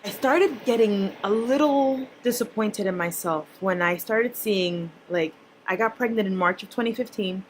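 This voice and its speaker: Chatty young mom vlogging. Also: female voice, medium pitch, normal speed, slight background noise, poor audio. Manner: chatty, blunt, addresses viewers as "y'all". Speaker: personal finance vlogger, mother. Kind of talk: casual talk to camera.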